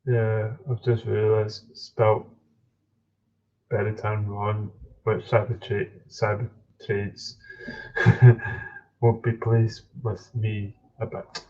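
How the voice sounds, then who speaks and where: A Scottish man chatting casually on a live stream, answering viewers in a halting way with frequent ums and restarts. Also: fairly low pitch, flat delivery, a little mellow. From Scotland. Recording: dull lo-fi stream audio.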